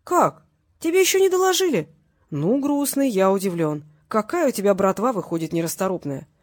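A woman's voice: medium pitch, lively intonation, a little fast, a little mellow, lightly acted. A woman voicing a cheerfully menacing tough guy. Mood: mocking. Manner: mocking, cheerful threats. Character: cocky, jokingly menacing male tough guy.

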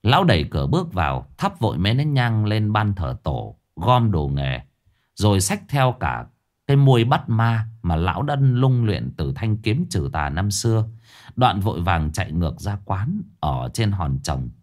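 A man narrating a ghost story as an expressive storyteller. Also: lowish voice, normal speed. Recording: soft background music.

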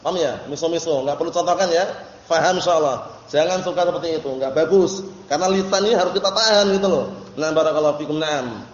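A man's voice: fairly high pitch, quick pace, echoey room, long reverb tail, muffled recording. A man giving a religious study lecture, explaining terms patiently and checking that his listeners follow. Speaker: religious teacher.

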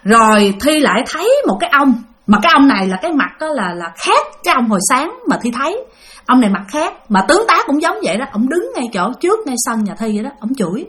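Lively woman storyteller. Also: high voice, fast. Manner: animated, talks about herself in the third person, addresses listeners directly. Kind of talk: casual first-person spooky storytelling.

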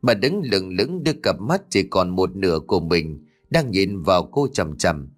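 Male storyteller narrating a ghost story, low-pitched and animated, faint music bed. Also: moderate pace. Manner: lively, voices each character himself. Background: soft background music.

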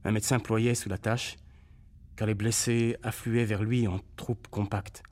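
A man's voice: lowish voice, a little slow. Man reading a war memoir dramatically. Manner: expressive, voices the sounds of shells and cries. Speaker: reader on a radio documentary.

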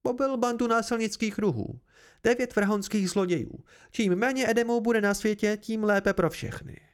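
A man voicing a haughty, blunt noblewoman in an amateur audiobook reading, with sharp indignant outbursts. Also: high voice, clear, resonant tone, pitched above the performer's own voice.

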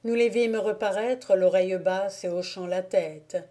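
A woman narrating a classic novel as a volunteer audiobook reader, in a slow, measured, soft-spoken way. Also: medium pitch. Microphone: home recording, volunteer reader.

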